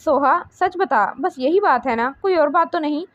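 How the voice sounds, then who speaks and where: Audiobook part: anxious mother, read by a woman, high pitched, dull dry sound. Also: lively intonation, moderate pace. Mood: worried. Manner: anxious, pleading. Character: worried middle-aged mother, anxious.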